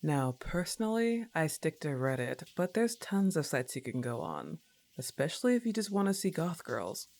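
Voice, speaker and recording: A woman plays a laid-back, teasing young goth roommate in an ASMR roleplay, casual and coaxing but mildly annoyed and probing. Her low voice is very animated and a little mellow, at a moderate pace.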